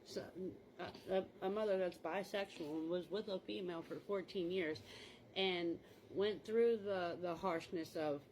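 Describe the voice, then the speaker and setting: A woman's voice: fairly low pitch, a little mellow, slight background noise, poor audio. A mother talking candidly in a rambling, casual monologue, full of "like" fillers, while changing clothes.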